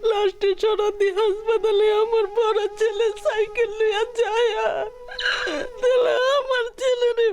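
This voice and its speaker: A woman's voice: very high voice, level tone, a little slow. A middle-aged woman with a rural Dhaka-area Bangladeshi accent, crying hard as she speaks in a tearful, wailing lament. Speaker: bereaved mother being interviewed.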